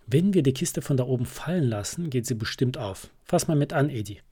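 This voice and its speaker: A man voicing a brisk, bossy animal pal. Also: medium pitch, animated, dark tone, slightly rough.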